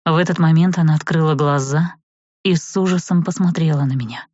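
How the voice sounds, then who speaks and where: A woman reading an audiobook in an even, steady way, her voice sitting low. The recording is bone dry and a touch dull. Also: fairly quick, no room sound. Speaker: audiobook narrator. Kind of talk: scripted narration.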